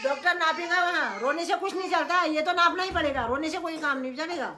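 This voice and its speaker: High-voiced mother scolding a child. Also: a little fast, a crowd in the background. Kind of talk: casual talk at home. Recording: voices chattering behind.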